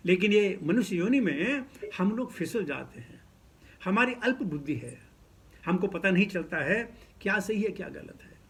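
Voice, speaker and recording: A man preaching scripture in an animated storytelling sermon, often chuckling and mixing in English words. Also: high voice, moderate pace.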